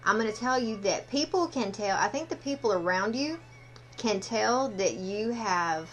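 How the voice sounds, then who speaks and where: A woman fortune teller giving a casual card reading, speaking haltingly and directly to the listener. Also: mid-range voice, lively intonation. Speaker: fortune teller, tarot and oracle card reader.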